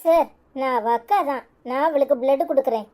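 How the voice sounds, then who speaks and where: A woman voicing a calm elder sister who soothes and reassures in a lowered voice, with a Tirunelveli Tamil accent. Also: brisk, natural voice. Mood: reassuring.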